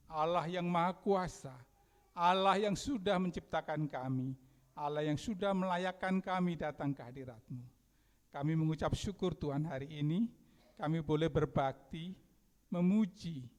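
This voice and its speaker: A man serving as worship leader, praying earnestly in a measured cadence in a church and then introducing a hymn. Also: fairly high pitch. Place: church sanctuary. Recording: long church hall reverb with music. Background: soft instrumental music.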